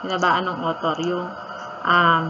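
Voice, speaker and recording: A woman's voice: fairly low pitch, monotone, unhurried, bright, forceful tone, slight background noise. A woman from the Philippines teaching an online music lesson, counting beats aloud and singing short lines of a song. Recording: slightly dull audio with faint ambience.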